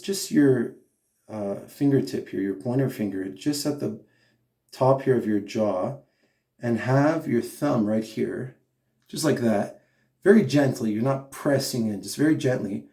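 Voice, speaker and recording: Speaking in a medium-pitched, dark voice in an echoey room, a male vocal coach walks through a singing lesson step by step. His manner is patient and explanatory, and he hums and sings brief examples along the way.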